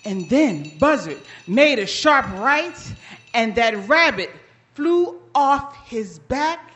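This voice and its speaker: High-voiced, high-energy woman storyteller. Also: sing-song, slow, fairly bright tone. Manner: high-energy, dramatic, quizzes the audience. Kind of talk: interactive folktale storytelling for children.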